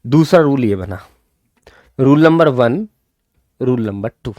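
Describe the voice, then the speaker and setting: Animated man teaching a live class. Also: mid-range voice, takes it slowly, no room sound, muffled recording. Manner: animated, repeats key points, calls students "kids". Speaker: English grammar teacher.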